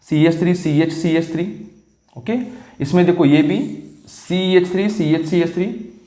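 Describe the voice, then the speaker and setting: A male chemistry teacher with a fairly high voice talks slowly through each step, checking again and again that his students are following. His voice rings in an echoey room. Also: steady tone, dark tone. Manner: explains step by step, keeps checking "clear?" with students. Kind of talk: classroom lecture.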